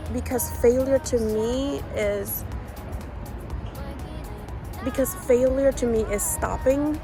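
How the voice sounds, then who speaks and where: Woman vlogger from Honduras, earnest and halting, gravelly tone, music playing behind. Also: on the high side. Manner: earnest, halting, with many restarts. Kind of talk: casual reflective vlog talk.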